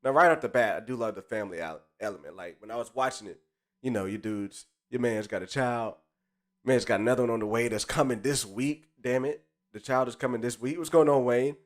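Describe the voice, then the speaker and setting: Greeting his chatters by name and using hyped slang, a stuffy-nosed man who's feeling under the weather keeps his live stream chat casual. He speaks briskly at a medium pitch while live jazz plays faintly behind him.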